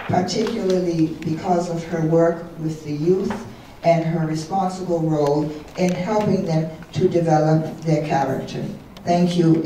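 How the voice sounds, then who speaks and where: Female moderator, formal and deliberate, warm low voice, distant hall sound. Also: a little hiss or hum. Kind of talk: introducing speakers at a forum. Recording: echoey hall from far off.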